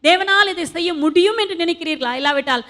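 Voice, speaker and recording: High-voiced woman pastor preaching. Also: fast talker, sharp tone. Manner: preaching with rhetorical questions to the congregation. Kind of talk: Bible study teaching. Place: church.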